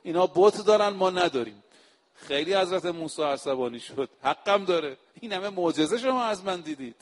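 A male preacher giving a sermon, speaking to his listeners directly and reciting scripture quotes slowly and with emphasis. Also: sits high, expressive, long reverb tail. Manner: addresses the audience directly. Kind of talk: religious sermon.

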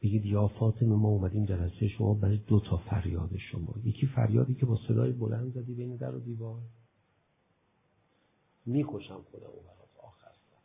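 Gravelly-voiced man preaching with passion. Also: lowish voice, little pitch movement, few pauses, phone-quality sound, slight background noise. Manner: acts out both sides of imagined dialogues with listeners; swings from soft murmur to loud impassioned exclamation. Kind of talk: religious sermon.

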